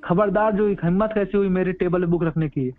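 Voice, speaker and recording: A man's voice: high voice, fairly even intonation, fairly quick, lightly acted. A man playing an irate middle-aged office clerk who barks and repeats his orders. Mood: furious. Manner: shouting dismissively, repeating orders. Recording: tinny phone-like audio with faint music.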